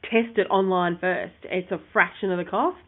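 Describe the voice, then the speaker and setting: A woman's voice: lowish voice, steady tone, moderate pace. A woman co-hosting a casual business chat, rambling and sometimes losing her train of thought. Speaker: podcast co-host. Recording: phone-like narrow sound.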